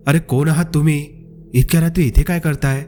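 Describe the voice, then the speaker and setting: A man voicing a jittery, hotheaded young male truck helper who shouts into the night. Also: medium pitch, level tone, a little slow, faint music behind, natural voice. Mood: shouting. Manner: pleading, then shouting.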